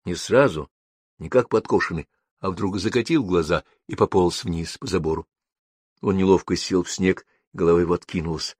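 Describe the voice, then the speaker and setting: Low-voiced male audiobook narrator. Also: a little mellow, husky, no room sound, studio quality. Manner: measured storytelling in first person.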